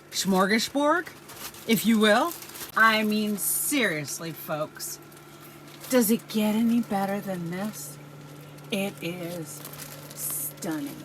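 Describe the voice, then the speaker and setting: A woman's voice: mid-range voice, fairly bright tone, slight background noise. A woman hosting a camping vlog, joking in a mock-grand, teasing way outdoors on a handheld camera. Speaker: vlog host. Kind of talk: playful camping vlog chat. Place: outdoor campsite.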